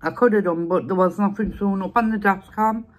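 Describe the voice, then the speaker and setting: A woman's voice: medium pitch, a little fast. A young woman, chatting casually while eating on camera and repeating herself as she rambles. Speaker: food vlogger. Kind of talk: casual mukbang chat.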